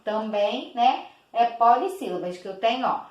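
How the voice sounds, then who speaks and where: A woman teacher gives a patient children's lesson, clapping out each syllable slowly and repeating words. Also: on the high side, expressive, darkish tone, muffled recording. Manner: slow, clapping out each syllable, many diminutives. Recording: echoey room.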